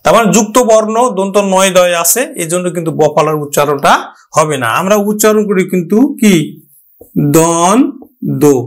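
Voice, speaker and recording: A man teaching a pronunciation lesson, asking himself questions and repeating each example word slowly and deliberately. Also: sits high. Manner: asks questions and answers them himself. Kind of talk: grammar lesson at a board.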